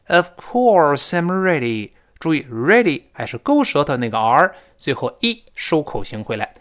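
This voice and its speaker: A man teaching spoken English, explaining phrases in a lively way and reading English lines slowly and clearly. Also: medium pitch.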